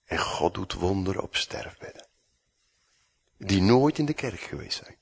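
A man preaching a sermon, acting out the dialogue and swinging from loud to hushed. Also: sits low, lively intonation, a little slow, creaky, slightly rough.

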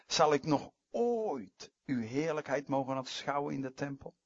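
A husky-voiced preacher putting on a desperate prophet calling out to God, his voice climbing high and loud in raw pleading. The sound is dull and lo-fi, with a dry, close feel. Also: animated, a little slow, no echo. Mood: anguished. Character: desperate prophet praying, adult man.

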